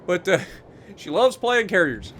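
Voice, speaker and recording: A man giving casual after-action commentary on a naval warship game, joking and animated, with many fillers. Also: high voice, unhurried, slight background noise. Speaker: gaming YouTuber.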